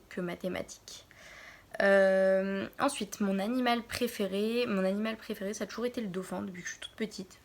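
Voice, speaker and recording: A young woman in her early twenties from Normandy, answering Q&A questions in a casual vlog from her bedroom, pausing often to think. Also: medium pitch. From France, Normandy. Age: early 20s. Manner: hesitant, pauses often to think. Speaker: vlogger.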